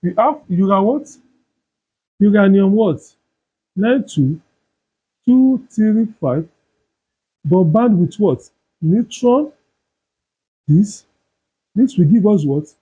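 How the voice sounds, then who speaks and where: High-voiced guy teaching chem, husky, keeps asking "what?" and answering, muffled lo-fi audio. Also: animated, takes it slowly, long pauses. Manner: asks questions and fills in the answers himself. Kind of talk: chemistry lesson. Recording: dull lo-fi sound.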